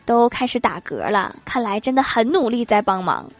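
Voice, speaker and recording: A woman hosts a comedy podcast. She reads jokes aloud in a lively way, puts quick voices on the characters, and chuckles at her own punchlines. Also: a little high, a little hiss or hum. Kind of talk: reading jokes aloud with commentary.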